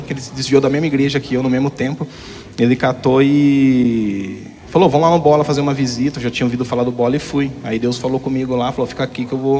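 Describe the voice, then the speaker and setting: Recorded with hall reverb, a young man appearing as a guest tells his testimony candidly, rambling and adding frequent tag questions. His mid-range voice has a darkish tone.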